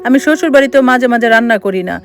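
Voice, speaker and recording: A woman's voice: fairly high pitch, fast talker, faint music behind, lightly acted. A woman voicing a kind, outspoken young married sister-in-law in a told story. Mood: friendly. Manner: friendly, chatty, turns indignant in defense.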